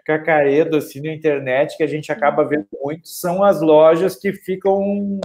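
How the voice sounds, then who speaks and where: A man with a fairly high voice talks casually about online selling. He tells client stories and acts out their lines, tagging many sentences with a questioning "né". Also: flat delivery, moderate pace, a little mellow, a little hiss or hum. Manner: storytelling with acted quotes, frequent "né". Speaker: e-commerce consultant. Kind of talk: casual chat.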